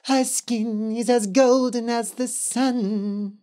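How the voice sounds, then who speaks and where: Man doing eerie ghost witch, sing-song, slow, altered voice, storybook spirit. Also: mid-range voice, fairly even intonation, warm tone, faint music behind, voice pushed up, natural voice. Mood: flattering.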